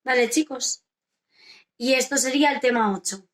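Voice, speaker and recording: Woman, high voice, teacher, patient explaining, remote lesson for kids. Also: moderate pace. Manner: explains patiently, asks rhetorical checks like "vale?". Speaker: primary school teacher. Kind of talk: recorded remote lesson for children.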